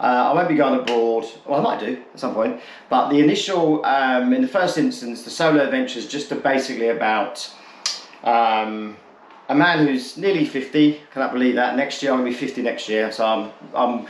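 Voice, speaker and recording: Introducing his channel, a vlogger in his late 40s talks casually to camera at a moderate pace in a medium-pitched voice. Candid and rambling, he keeps repeating and rephrasing himself. His untreated room adds clear echo, with a little hiss or hum.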